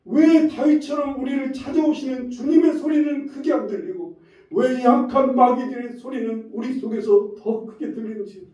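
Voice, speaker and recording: High-voiced male pastor in an echoey church. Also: normal speed. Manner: preaching with frequent shifts in force, rising to near-shouts. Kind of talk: sermon. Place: church sanctuary. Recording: roomy echo from a distance, dull lo-fi sound.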